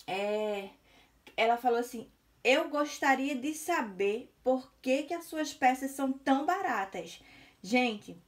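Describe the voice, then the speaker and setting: A middle-aged Brazilian woman, a crochet artisan, talking frankly and with exasperation straight to her viewers in a casual vlog. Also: fairly high pitch. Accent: Brazilian Portuguese.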